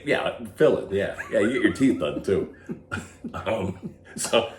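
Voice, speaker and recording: On a podcast, a male co-host talks politics casually, offering blunt opinions and chuckling frequently. His voice is lowish, sing-song and slow. The recording has a roomy echo and a faint hum underneath.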